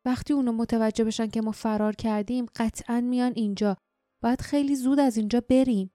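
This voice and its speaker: A woman's voice: on the high side, steady tone, dark tone, no room sound, studio quality, faint music behind, pitched above the performer's own voice, lightly acted. A woman narrator voicing a watchful man urging the others to leave at once in an audiobook. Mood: urgent. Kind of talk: audiobook character voice.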